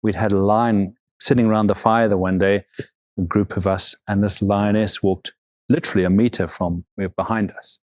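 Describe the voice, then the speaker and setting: A middle-aged man with a low voice, recorded dry and close. He speaks reflectively in an interview, unhurried and repeating words as he gathers his thoughts. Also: steady tone, no room sound. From South Africa. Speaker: guest, overland vehicle consultant.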